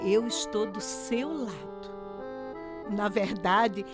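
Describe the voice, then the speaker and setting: A woman doing a slow soothing mom. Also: mid-range voice, loud music behind the voice. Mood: tender. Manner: soothing, motherly. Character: middle-aged mother, warm, calming, supportive. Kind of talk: amateur radio drama.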